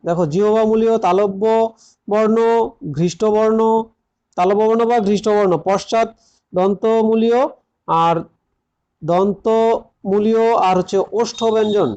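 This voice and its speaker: A man's voice: high-pitched, steady tone, unhurried, long pauses, a little mellow, lo-fi sound. A man teaching an exam-prep grammar lesson, explaining step by step, repeating key points and speaking directly to his students.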